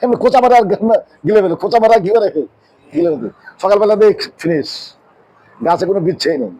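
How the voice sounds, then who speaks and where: A man preaching a sermon in a mosque. He asks rhetorical questions and answers them himself, and drops his voice low on key words. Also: fairly quick, warm tone, low-quality recording. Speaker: Islamic preacher.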